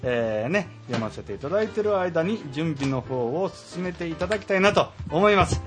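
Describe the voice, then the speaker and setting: A man's voice: a little high, animated, moderate pace, music in the background. A man hosting a casual radio chat, reading listener mails with jokes and fillers. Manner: chatty and joking, with many fillers. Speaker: radio host.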